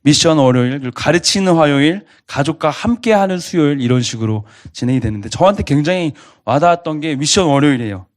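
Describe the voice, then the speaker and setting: A man pastor preaching a sermon to a college congregation, earnestly asking them repeated questions. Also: mid-range voice.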